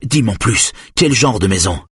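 A desperate father, urgent and anxious as he questions his son, as a man reading an audiobook puts him on. The voice is very low and husky, close and dry. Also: expressive, a little slow, a bit bright, no room sound, exaggerated voice. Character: desperate middle-aged father on the phone. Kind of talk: audiobook character voice.

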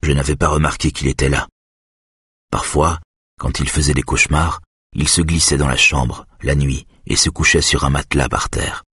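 Male audiobook narrator, very deep voice, dry close mic. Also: slightly rough, no room sound. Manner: calm, measured, intimate. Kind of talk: first-person literary narration.

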